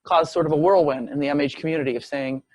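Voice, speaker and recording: Male lecturer, slightly high voice, dry close sound, narrates cases vividly. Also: steady tone, fast talker, darkish tone, no room sound. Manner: storytelling, acts out quoted speech. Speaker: visiting professor lecturing. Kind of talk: medical case lecture.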